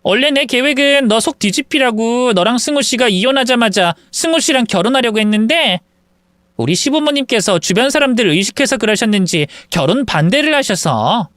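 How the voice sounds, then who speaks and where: A woman's voice: fairly high pitch, lively intonation, a little fast, a bit bright, dry recording, studio quality. A woman voicing a vindictive young woman who smugly taunts her former friend over the phone in a drama story. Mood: gloating. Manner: taunting, smug, cruel. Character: gloating vindictive young woman, husband-stealer. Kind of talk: acted phone quarrel in a story video.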